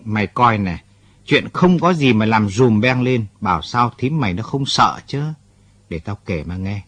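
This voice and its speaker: A man's voice: fairly low pitch, a bit bright, slightly rough, full character voice. A man voicing an agitated middle-aged man telling a painful story. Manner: upset, pours out his story.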